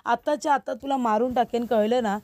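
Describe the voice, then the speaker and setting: A woman's voice: fairly high pitch, steady tone, fairly quick, a little mellow, natural voice. A woman voicing a young woman's violent second personality in a retold TV serial, reading threats in a plain voice. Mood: menacing.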